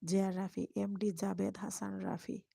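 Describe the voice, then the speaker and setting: A woman chats softly through her live stream, often dropping to a near-whisper. Her voice is husky and mellow, with a gravelly edge. The microphone sits close in a dry space. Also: medium pitch, flat delivery, unhurried, dry recording. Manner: speaks very softly, at times whispering. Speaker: live-stream host reading viewer comments. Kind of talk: casual live-stream chat.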